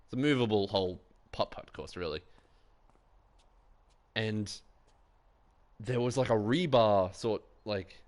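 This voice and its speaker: Swearing young male streamer telling stories. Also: lowish voice. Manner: rambling anecdotes, heavy swearing, frequent laughter. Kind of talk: casual live-stream chat.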